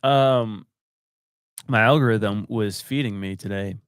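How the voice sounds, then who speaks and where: A man's voice: lowish voice, slow pace, smooth, no echo. A man co-hosting a podcast, tossing in dry, joking quips during casual banter. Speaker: podcast co-host.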